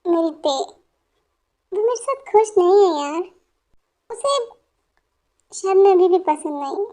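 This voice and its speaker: A woman dubbing a drunk, heartbroken young man. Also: darkish tone. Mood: mournful. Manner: slow, low, mournful. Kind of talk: fan dubbing.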